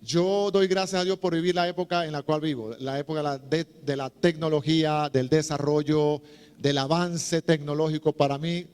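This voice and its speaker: Middle-aged guy preaching, joking around, smooth clear voice, a bit high, echoey hall. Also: steady tone, moderate pace, a little mellow. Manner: chatty, humorous, acts out voices. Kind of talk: sermon-style teaching talk.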